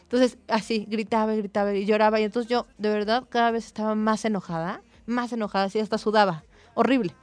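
A Mexican woman in her thirties or forties, a psychologist, recounts a story in relaxed, animated conversation, acting out the voices of people in it. Her voice sits at a middle pitch and sounds close and dry, with no room echo. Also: fast talker. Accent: Mexican Spanish. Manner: animated, tells anecdotes with quoted dialogue. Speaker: psychologist, guest or co-host.

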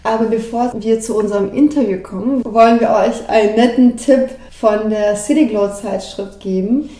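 An upbeat woman co-host with a fairly high, mellow voice opens the segment and introduces the guest. She sits back from the mic in an echoey room. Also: normal speed, far from the mic. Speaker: podcast co-host. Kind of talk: casual podcast hosting.

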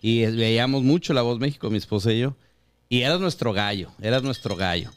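A man's voice: mid-range voice, fairly quick, a little hiss or hum. A man with a Mexican accent, interviewing casually as a podcast host in informal, slangy speech.

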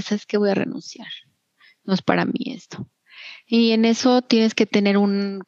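A woman's voice: mid-range voice, a little mellow, no echo, dull audio. A middle-aged woman with a Mexican accent, talking candidly and encouragingly as an interview guest. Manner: candid, encouraging, many fillers. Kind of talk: casual interview.

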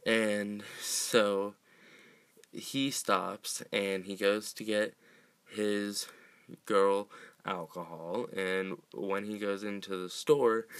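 A man with a fairly low voice talks through a film's plot at an unhurried pace. He rambles, restarts sentences and throws in fillers as he goes. The recording is close and dry, with no room sound. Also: fairly bright tone, smooth, no room sound. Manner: rambling, many fillers and restarts, laughs often. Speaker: podcast host recapping a film. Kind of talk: casual film recap chat.

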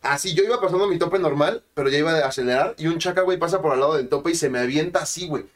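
A man's voice: a little high, racing. A man with a Mexican accent telling crude stories in casual chat, full of slang and constant swearing. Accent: Mexican Spanish.

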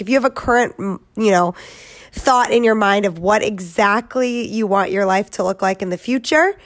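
Woman with a head-cold voice. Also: medium pitch. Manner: chatty, with frequent ums and likes. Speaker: podcast host. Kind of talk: casual solo podcast talk.

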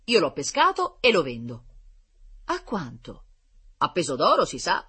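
A storyteller voicing a stubborn fisherman who flatly haggles over the price of his catch. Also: medium pitch, a little slow, slightly rough, pitched above the performer's own voice, full character voice. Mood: blunt. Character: stubborn lake fisherman, blunt.

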